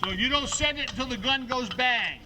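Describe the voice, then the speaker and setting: High voiced guy barking skeet calls, slow and clipped, far from mic, really noisy. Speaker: shooting range referee calling targets. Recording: distant mic, loud outdoor noise.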